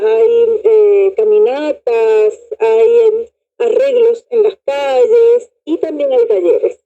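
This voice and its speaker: A woman from Puerto Rico speaks as a guest on a radio interview, her voice high and gravelly with a very dark, mellow tone. Her delivery is animated and swings widely in pitch. The sound is dull and lo-fi, like a remote call. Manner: animated, expressive storytelling. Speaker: theater director, guest.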